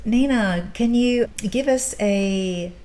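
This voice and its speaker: A woman hosting an interview in her guest's home, asking gentle, probing questions about her guest's roots. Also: a little high, slow pace. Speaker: podcast host. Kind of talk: interview conversation.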